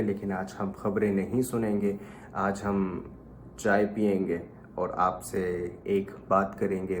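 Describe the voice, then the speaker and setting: A man's voice: lowish voice, darkish tone, a little hiss or hum. A man, a doctor, talks casually to his viewers while getting ready and at his hospital office. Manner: chatty, addresses viewers as brother. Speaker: doctor vlogger. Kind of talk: casual vlog monologue.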